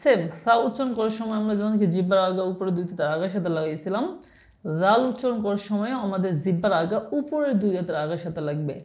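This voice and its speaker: A woman teaching Arabic letter pronunciation in an online Quran class, patiently modelling each letter slowly and often checking with the listener. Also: mid-range voice, expressive, a little mellow. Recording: echoey room.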